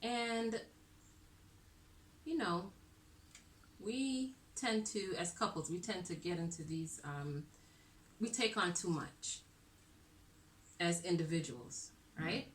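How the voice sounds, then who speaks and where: A woman's voice: fairly low pitch, takes it slowly, long pauses. A woman co-hosting a podcast with her husband, teasing and giggly, stretching out her words. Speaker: podcast co-host. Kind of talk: casual chat with spouse. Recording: faint background noise.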